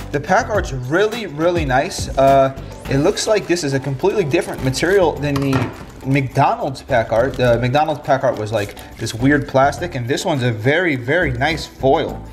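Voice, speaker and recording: A man in his thirties with a stuffy, nasal voice, like after a nose injury, chatting casually to viewers as host of a pack-opening vlog. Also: fairly high pitch. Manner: chatty, addresses viewers as guys, repeats phrases. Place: home kitchen indoors. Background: background music.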